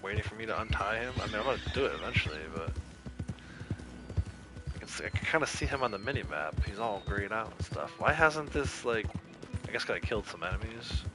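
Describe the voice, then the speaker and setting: A man's voice: fairly low pitch, expressive, brisk, over music. A man streaming a game, chatting casually and opinionated, rambling with lots of fillers. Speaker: gaming streamer. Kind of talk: casual livestream chat while playing.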